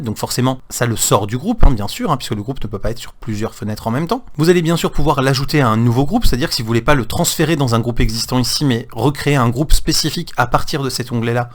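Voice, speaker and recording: A man with a French accent walking viewers through a browser feature in a casual screen-recorded tutorial, with frequent fillers. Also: medium pitch. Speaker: tech YouTuber.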